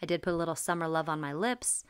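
A woman's voice: low voice, fast talker, smooth. A woman in her thirties casually talking through her makeup steps as she applies them, recorded on a phone inside a car. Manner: relaxed step-by-step explaining while applying makeup. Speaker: makeup vlogger. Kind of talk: casual makeup tutorial narration. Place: inside a parked car, daylight. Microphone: phone camera close up.

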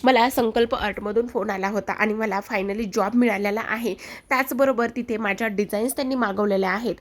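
A woman's voice: fairly high pitch, fairly quick, natural voice. A woman voicing an eager young man sharing good news. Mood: excited. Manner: excited, eager. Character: eager young man, thrilled about a job.

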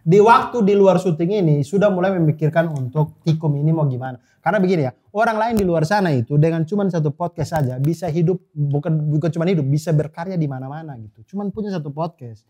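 A man's voice: fairly high pitch, fast talker, hardly any pauses, mellow, slightly rough. A man co-hosting a podcast in casual group chat, telling stories and laughing often. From fisherman's family. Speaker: podcast co-host.

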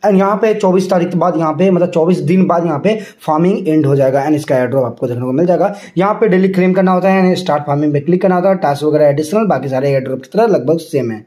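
A man's voice: on the high side, fast talker, hardly any pauses, dark tone. A man giving a casual, chatty screen-walkthrough explainer, talking straight to his viewers in an insistent tone and mixing in English words. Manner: chatty, repeats filler phrases, mixes in English words; insistent, direct address to viewers. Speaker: crypto YouTuber.

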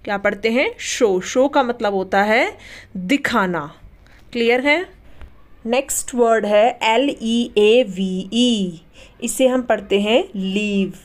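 A woman's voice: fairly high pitch, takes it slowly. A woman with an Indian accent teaching English words, spelling each one, asking what it is read as and answering herself. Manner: spells each word letter by letter, then asks and answers it. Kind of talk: slow vocabulary lesson.

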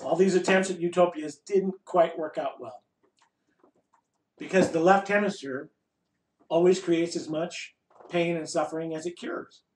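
A man with a fairly high voice speaks as a spiritual teacher to a group in an echoey room. He is wry and emphatic, breaking his thoughts into short phrases with deliberate pauses. The voice sits a little way from the microphone. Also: darkish tone. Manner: wry and playful, asks and answers rhetorical questions. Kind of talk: informal spiritual discourse to a group. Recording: echoey room, voice distant from mic.

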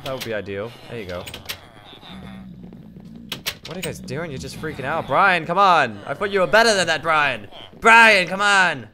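A man hosting a gaming channel, giving let's-play commentary in an excitable, jokey way with bursts of panicked yelping. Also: medium pitch, background noise.

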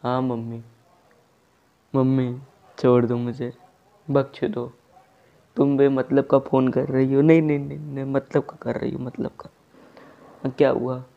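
A man's voice: mid-range voice, level tone, unhurried, creaky, pauses often, phone-quality sound. A young man performing a comic sketch of one-sided phone calls, exasperated and repeatedly restarting his greeting. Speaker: comedy sketch creator. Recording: loud background music.

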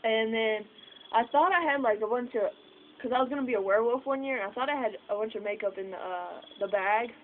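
A woman's voice: fairly high pitch, quick pace. A young woman chatting casually for a vlog, rambling with lots of fillers and the odd swear, recorded outdoors at night on a phone camera set far away. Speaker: vlogger. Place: outdoors at night by a house porch. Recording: tinny phone audio outdoors with noise.

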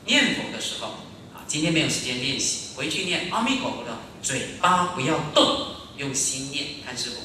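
A male Buddhist monastic giving a Dharma lecture to a live audience, lively and demonstrative, acting out his examples. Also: medium pitch, moderate pace. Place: large echoey lecture hall. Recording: very echoey hall, distant, faint noise.

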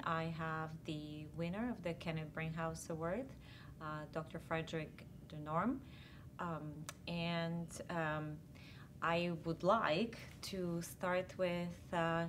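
Hesitant woman interviewer, lowish voice. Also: steady tone, a little hiss or hum. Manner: halting, hesitant phrasing with um fillers. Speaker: interviewer, assistant professor. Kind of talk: scientific interview. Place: conference interview booth, indoors.

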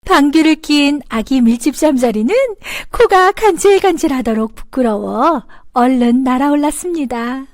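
High-voiced woman narrating a children's story. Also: darkish tone, no echo, studio quality. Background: background music.

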